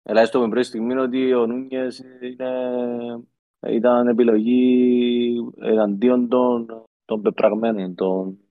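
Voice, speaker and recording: A man with a Cypriot Greek accent chatting casually as a football panellist, halting and often repeating words. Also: medium pitch, level tone, no echo. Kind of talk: casual chat. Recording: dull lo-fi audio.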